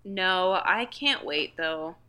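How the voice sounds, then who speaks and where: A woman's voice: fairly low pitch, lively intonation, slow pace, bright, forceful tone, clear, resonant tone. A woman chatting casually as a podcast co-host, joking dryly at her own expense. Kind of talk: casual chat.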